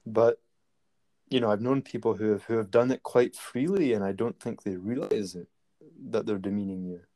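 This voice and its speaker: A man's voice: on the low side, steady tone, moderate pace, warm tone. A man talking casually and rambling, with many fillers and restarts. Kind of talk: casual conversation.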